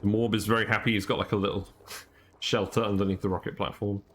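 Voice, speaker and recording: This gamer talks fast with a fairly low, flat, slightly bright voice, over a faint music bed with a little hiss or hum. His commentary is casual and rambling, full of fillers, small laughs and thinking out loud.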